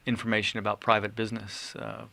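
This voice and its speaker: Gravelly, bright-voiced male interview host. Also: fairly low pitch, completely flat delivery, dry recording. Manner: measured, with frequent fillers and restarts. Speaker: radio show host. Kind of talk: hosting a panel interview.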